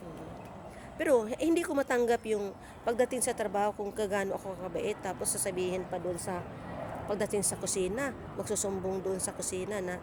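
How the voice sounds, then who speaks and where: Over a noisy background, a middle-aged woman with a medium-pitched voice rants casually in a vlog. She's talkative, indignant and scolding, firing off plenty of rhetorical questions.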